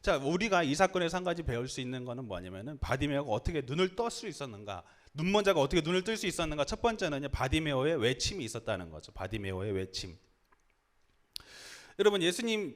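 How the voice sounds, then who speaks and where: A male preacher with a high, lively voice that swings up and down as he tells the story. He keeps turning to the congregation with questions as he preaches. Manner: animated, asks the listeners rhetorical questions. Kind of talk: sermon.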